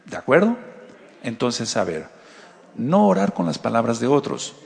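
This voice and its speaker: A man's voice: mid-range voice, sing-song, a little slow, creaky, long reverb tail. A man with a Mexican accent, giving a conversational sermon as a Torah teacher and asking his listeners rhetorical questions. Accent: Mexican Spanish.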